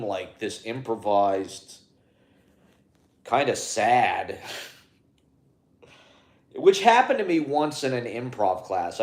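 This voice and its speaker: A man who performs as a clown, speaking to his phone in a rambling casual monologue, halting, with many fillers and restarts. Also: on the low side, roomy sound.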